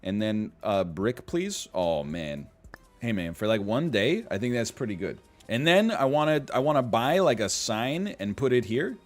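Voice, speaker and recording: In a lowish, sing-song voice at normal speed, a Canadian streamer gives casual let's-play commentary on a management game over faint music. He rambles goofily and throws in playful exclamations.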